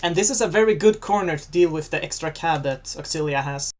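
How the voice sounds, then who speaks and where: Fights breaking out make this esports commentator lift his fairly high voice, but otherwise he keeps the casual game commentary jokey and fairly quick.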